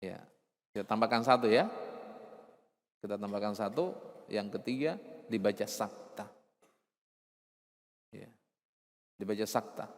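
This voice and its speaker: A man teaching recitation rules, explaining with rhetorical questions and repeating key terms, sometimes slowly chanting verses. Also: lowish voice, big-room sound. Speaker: Arabic and Quran recitation teacher.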